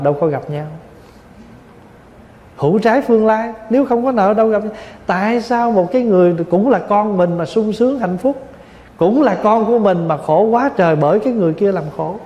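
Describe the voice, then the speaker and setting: A man's voice: high voice, dark tone. A Vietnam-born male Buddhist monk in his forties gives a dharma talk in a folksy, humorous way, slipping in English words. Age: 40s. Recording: dull, echoey hall sound.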